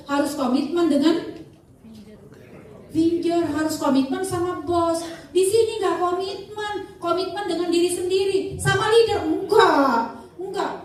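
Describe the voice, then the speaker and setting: A middle-aged woman, giving an animated sales training talk and acting out the people she quotes. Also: extremely high pitch. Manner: animated, switches voices to act out quoted people. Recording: very echoey room, voice from far off the mic.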